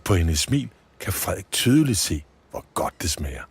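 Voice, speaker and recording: A man reading a Christmas story for children, with expressive storybook narration. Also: deep voice, slightly rough, no room sound.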